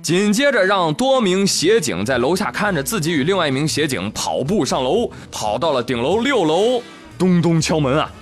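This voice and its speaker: Animated man telling funny news stories. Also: fairly high pitch, moderate pace, few pauses, faint music behind. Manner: animated storytelling, acts out every character in quotes; laughs often while talking. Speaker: talk show host. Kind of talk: comic news talk show.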